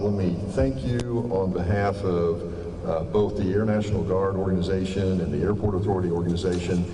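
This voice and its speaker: Deep-voiced man speaking in a reverberant hall. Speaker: airport authority official. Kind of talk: formal public remarks at an announcement. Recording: echoey hall, distant mic, background noise.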